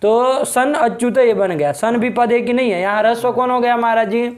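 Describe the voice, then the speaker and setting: A man with a very high voice teaches a Sanskrit grammar lesson in a classroom at a moderate pace. He prompts his students with questions and checks again and again that they understand.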